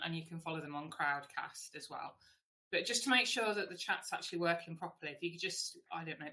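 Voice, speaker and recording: Chatty, bright-voiced woman hosting a webinar. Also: fairly low pitch. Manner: chatty, welcoming, many ums. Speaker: webinar host.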